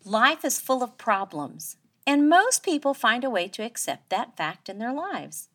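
Woman host narrating over soft guitar. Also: on the high side, sing-song, unhurried. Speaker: podcast host. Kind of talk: scripted narration. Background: soft guitar music.

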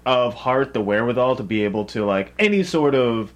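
A man's voice: medium pitch, animated, brisk, dull audio. A man co-hosting a podcast, chatting casually with a playful, wry manner. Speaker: podcast co-host. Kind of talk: casual joking banter.

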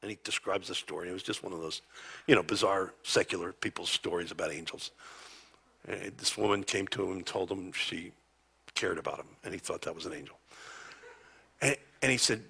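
A man preaching a conversational sermon as a pastor, telling stories and often dropping to a hushed near-whisper. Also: low-pitched, fairly quick, gravelly, slightly rough.

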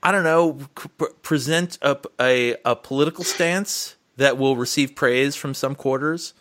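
A man's voice: mid-range voice, measured pace, a bit bright. A man who teaches writing, talking in a casual podcast chat. He rambles through his points with many restarts. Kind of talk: casual conversation.

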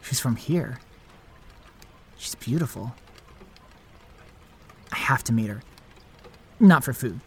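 A man's voice: mid-range voice, lively intonation, slow pace, pauses often, a little hiss or hum. A man playing an awkward, lovelorn young vampire who narrates in a self-deprecating, confiding way. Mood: reluctant, musing. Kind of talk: scripted first-person narration and dialogue.

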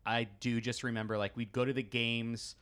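A man's voice: mid-range voice, little pitch movement, normal speed, a bit bright, clean tone. A man from Southern California hosting a podcast, talking in an easygoing way full of likes and ums. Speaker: podcast host. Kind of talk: casual chat.

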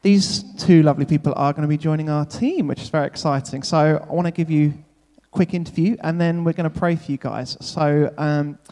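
An upbeat man hosts a casual stage interview in church, his voice sitting a little high for a man. Talk is loose and friendly, full of "yeah" and "brilliant", and it turns to spoken prayer. A long reverb trails each line in the large hall. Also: fairly even intonation, a little fast, hardly any pauses, darkish tone. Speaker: church leader hosting an on-stage welcome.

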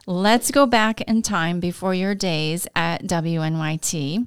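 A woman's voice: on the low side, steady tone, takes it slowly, smooth, dry recording, studio quality. A middle-aged woman hosting a podcast, upbeat and friendly, opening the show and interviewing a guest. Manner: upbeat, friendly, with brief verbal restarts. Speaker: podcast host. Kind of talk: casual interview.

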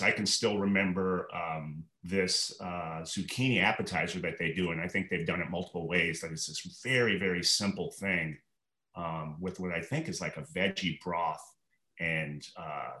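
A man in his forties, a restaurant manager guesting on a podcast, talking in a rambling, relaxed way full of fillers and restarts. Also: deep voice, echoey room. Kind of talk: relaxed conversational interview.

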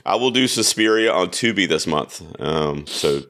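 A man's voice: sits low, lively intonation, moderate pace, a bit bright. A man hosting his own podcast, chatting casually and easily about movies with a co-host. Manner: easygoing, loose, chatty. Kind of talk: casual chat.

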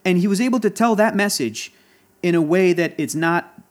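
A high-voiced man speaking at a normal speed appears as a guest on a podcast in the Los Angeles area. His casual chat is passionate, emotional and rambling.

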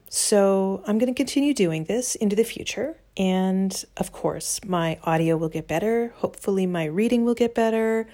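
A woman's voice: lowish voice, dark tone. A woman blogger with a wry, self-deprecating manner, speaking her own blog post as a homemade audio recording under a blanket in her bedroom. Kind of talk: reading own blog post aloud, then informal remarks.

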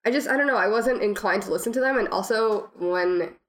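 A young adult woman with a cold, her voice deeper and chesty, chatting casually and informally about music. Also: brisk, a bit bright. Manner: frequent "like", informal. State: has a cold, tickly throat, coughing.

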